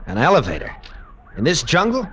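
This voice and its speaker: An actor playing a brash, defiant military lieutenant with old-fashioned hero bravado in a 1940s radio drama. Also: male voice, fairly high pitch, wildly swooping pitch, brisk, fairly bright tone. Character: brash, defiant military lieutenant, tough skipper recounting his ordeal. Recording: noisy 1940s radio recording.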